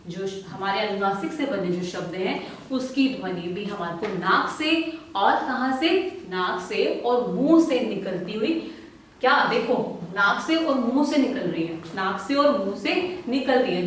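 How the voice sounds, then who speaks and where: A woman teacher giving a primary-school lesson, asking questions and answering them herself, and reading words out slowly. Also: on the high side, fairly bright tone, far from the mic. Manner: slow, drawn-out word reading with call-and-response questions. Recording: very echoey room, voice off-mic.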